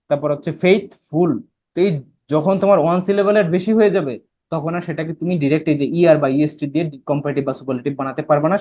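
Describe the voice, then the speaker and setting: A man's voice: fairly high pitch, a little mellow, highs cut off. A man with a Bangladeshi accent teaching English grammar in an online class, explaining step by step and checking that students follow. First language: Bengali. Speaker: admission test English teacher.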